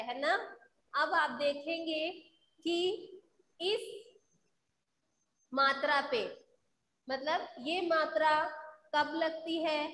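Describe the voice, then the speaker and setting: High-voiced woman teaching slowly. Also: a bit bright. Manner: repeats questions to students and answers them herself; sounds out syllables slowly. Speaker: school teacher. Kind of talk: online Hindi phonics lesson. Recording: echoey room with faint background noise.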